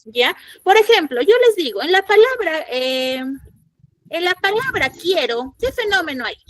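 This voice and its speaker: High-voiced woman teaching an online class. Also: sing-song, moderate pace, dry recording. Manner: questioning, repeats key points for students. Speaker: secondary school language teacher. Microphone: computer mic in an online class.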